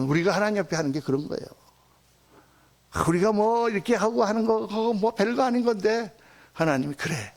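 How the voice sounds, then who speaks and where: A man's voice: sits high, creaky. A male pastor preaching an emphatic sermon in a church, often addressing the congregation directly and acting out quotes. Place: church sanctuary.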